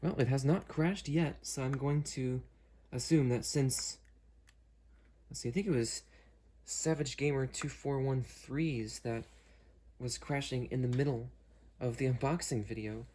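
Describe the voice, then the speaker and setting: Hosting an unboxing video, a man talks casually and a bit hesitantly while demoing a product with friends on a call, unscripted. His voice is medium-pitched and dark in tone, his pace unhurried, with slight background noise.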